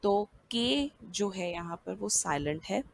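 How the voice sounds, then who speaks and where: A woman's voice: mid-range voice, expressive, slow pace, gravelly. A woman teaching English pronunciation in a patient, explanatory lesson and often checking that listeners follow.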